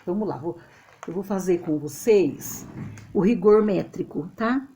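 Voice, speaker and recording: A Brazilian woman teaching a literature lesson to a camera, explaining step by step in an animated way and often checking that her students follow. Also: lowish voice, a little slow. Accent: Brazilian Portuguese. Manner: animated and explanatory, checks understanding with tag questions. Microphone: camera mic.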